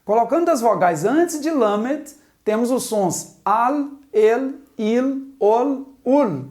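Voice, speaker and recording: A woman with a mid-range, slightly mellow voice teaches Hebrew at a board. Slowly and patiently, she spells out each sound and asks the viewer to repeat after her.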